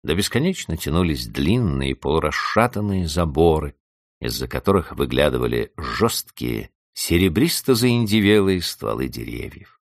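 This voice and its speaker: A man narrating a classic story as an audiobook, with expressive, dramatic storytelling. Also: a bass voice, normal speed, vocal fry, no echo, clean studio sound.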